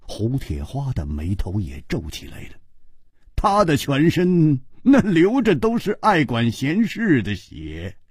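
A man narrating a martial-arts story in traditional Chinese storytelling style, with expressive, dramatic delivery. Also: medium pitch, takes it slowly, slightly rough, no echo, clean studio sound.

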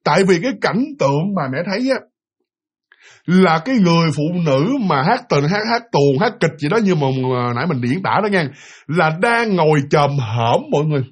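Husky, fairly high man telling a ghost tale vividly to his listeners. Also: moderate pace. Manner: lively, vivid, speaks directly to listeners. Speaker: storyteller. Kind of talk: casual spoken ghost story.

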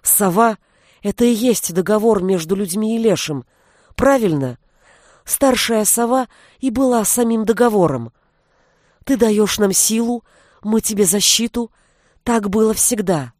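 A woman's voice: mid-range voice, expressive, a little slow, long pauses, no echo, studio quality. A woman voicing a male sorcerer in an audiobook, a stubborn bargainer who coaxes and pleads. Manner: coaxing, then shouting in despair.

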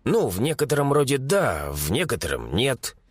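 A brash young mage, voiced by a male narrator, fires off mocking, impatient retorts. His husky voice swings widely in pitch. He sounds cocky and sure of himself. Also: huge pitch swings, moderate pace, dry recording, soft background music. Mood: serious. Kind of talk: audiobook character voice.

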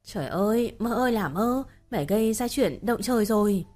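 A woman voicing a bossy middle-aged village woman who scolds loudly. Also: mid-range voice, animated, fairly quick, soft background music, close to an everyday voice. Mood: scolding. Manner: loud, scolding, exclamatory.

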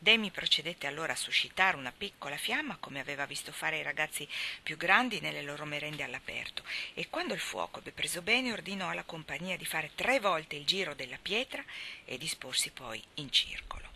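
A woman reading a novel aloud as a storyteller, softly, at times dropping to a whisper. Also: deep voice, lively intonation, fairly quick, a little hiss or hum. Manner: soft, sometimes dropping to a whisper. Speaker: reader. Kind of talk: scripted narration.

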